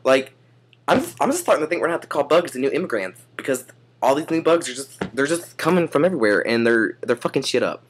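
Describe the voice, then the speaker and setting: Young male comic vlogger, mid-pitch, sweary, stammering rant. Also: lively intonation, quick pace, a little hiss or hum. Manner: profane, exasperated ranting with stammered restarts. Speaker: comedian vlogger. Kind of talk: satirical rant vlog.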